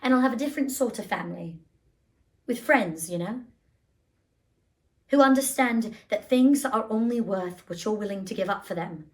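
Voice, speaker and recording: A woman's voice: medium pitch, moderate pace, pauses often, a little mellow, natural voice. A woman playing a headstrong young English girl in a British accent, in a theatrical audition monologue. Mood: earnest. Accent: put-on British. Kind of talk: audition self-tape monologue.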